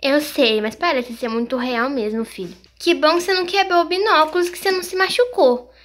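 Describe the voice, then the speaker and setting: A high-pitched female voice narrates a casual role-play vlog as a mother. She speaks softly and gently, coaxing the children and chatting with viewers. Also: fairly even intonation, fairly quick, slight background noise. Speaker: vlogger playing mother.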